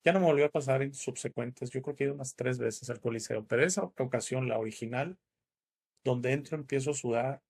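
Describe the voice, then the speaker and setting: A man's voice: medium pitch, brisk, creaky, darkish tone, husky. A man from northern Italy, the host, telling a personal story in a reflective, casual way. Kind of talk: casual chat.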